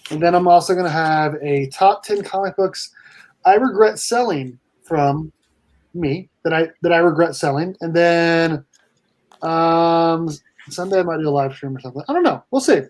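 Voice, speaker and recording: A man's voice: on the high side, darkish tone. Southern guy on a video call cracking jokes, little bit of noise and clicks behind him. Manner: joking, quick banter. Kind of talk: casual chat.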